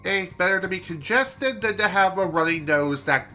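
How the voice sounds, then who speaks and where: With game music playing behind him, this man streams a video game and talks casually in let's-play fashion. His high, animated voice is pushed and bright at a normal pace, though nasal and congested, and he keeps dropping chatty jokes at his own expense.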